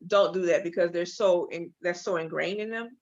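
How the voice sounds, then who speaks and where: Heard on dull lo-fi audio, a woman with a lowish voice talks at a moderate pace. She's in her forties, from Los Angeles, California, and works in hair and makeup; as an interview guest she tells her story openly, with bursts of animation.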